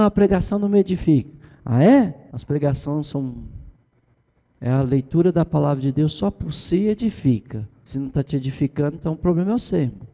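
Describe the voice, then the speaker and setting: A man's voice: on the high side, mellow. Middle-aged man teaching with long reverb. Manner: conversational, tag questions, mimics the people he quotes. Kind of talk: informal church teaching.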